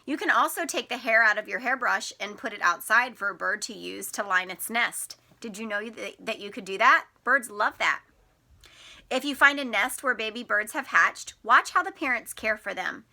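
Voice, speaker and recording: With a fairly high, animated voice at normal speed, this teacher sounds bright and forceful as she reads a picture book to young children. She keeps explanations simple, asks them questions, and leans expressively on key words.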